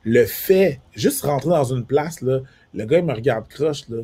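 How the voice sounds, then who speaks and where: A man with a Quebec French accent that carries a touch of Haitian Creole, talking in a loose, animated way. His voice is somewhat husky and breathy at mid pitch. He keeps repeating words and restarting his sentences. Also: unhurried. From Quebec, Montreal area. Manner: switches into English accents when telling stories. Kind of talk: casual conversation.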